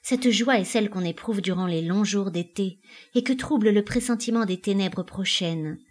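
A woman playing a haunted, frantic wife, husky. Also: medium pitch, normal speed, lightly acted. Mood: brooding. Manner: pleading, panicked outbursts. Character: anguished haunted married woman. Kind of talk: dramatic play reading.

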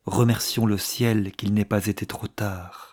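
A man reading a novel aloud, voicing an effusive, gossiping older aristocratic woman with theatrical, hushed asides. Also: lowish voice, level tone, measured pace. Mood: gushing.

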